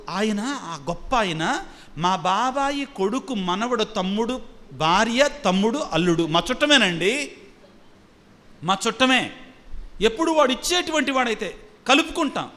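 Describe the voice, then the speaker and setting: High, bright-voiced preaching priest. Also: male voice, lively intonation, unhurried, long pauses. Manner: emphatic preaching, repeating phrases and asking the congregation questions. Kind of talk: sermon. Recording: long hall reverb.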